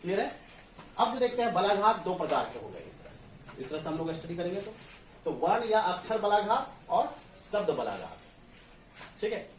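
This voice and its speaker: A man's voice: high voice, sing-song, moderate pace, slight background noise. A male teacher gives a grammar lesson in a classroom. He asks the class questions, answers them himself and keeps checking that everyone understands. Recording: echoey room, far from the mic, faint ambience.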